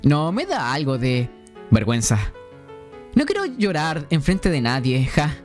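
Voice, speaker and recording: A man's voice: fairly high pitch, wildly swooping pitch, measured pace, soft background music. A young man voicing a shy, sad nineteen-year-old male pianist, hesitant and subdued.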